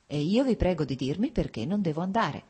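A proud, defiant young noblewoman from a storybook reading, insistent and full of feeling, as a woman narrator gives her voice. The voice sits a little higher and brighter than the narrator's own low, husky tone. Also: expressive, brisk. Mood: irritated. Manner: insistent and emotional.

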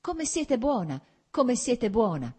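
A woman reading aloud puts on an impulsive young noblewoman, eager and emotional, her voice lifted high above the narration. She presses her questions with intensity, husky and dark in tone. The story is read aloud as an audiobook. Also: animated, normal speed. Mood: earnest.

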